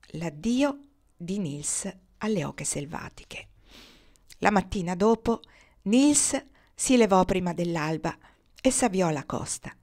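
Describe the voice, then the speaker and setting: A woman reading a children's novel aloud in a measured, gently expressive way. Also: lowish voice. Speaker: reader.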